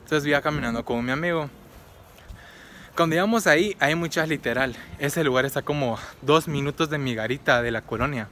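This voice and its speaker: A man's voice: a little high, brisk, sharp tone, a little hiss or hum. A young man from Guatemala, chatting casually in a rambling vlog full of fillers and restarts while out and about. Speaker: vlogger. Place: out and about, market and home.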